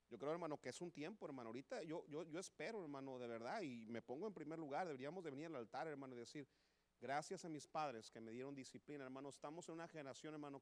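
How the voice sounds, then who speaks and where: A man with a Mexican Spanish accent preaching a sermon in church, impassioned and repeating "hermano" again and again. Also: medium pitch. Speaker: pastor. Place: church sanctuary.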